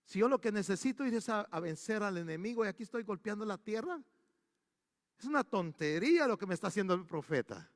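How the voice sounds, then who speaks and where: A man voicing a doubting king who mutters quietly to himself, in a long-reverberating church hall. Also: high-pitched, animated, fairly quick. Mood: scornful.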